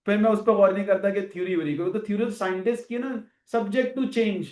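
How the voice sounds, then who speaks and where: A man lecturing students in a classroom, animated and full of rhetorical questions. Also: high-pitched, quick pace, reverberant. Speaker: finance lecturer.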